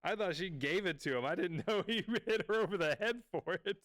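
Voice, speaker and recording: A man hosting a comic reaction show, reading panels aloud and breaking into loud, excited outbursts. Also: high voice, a little fast, no room sound, clean studio sound.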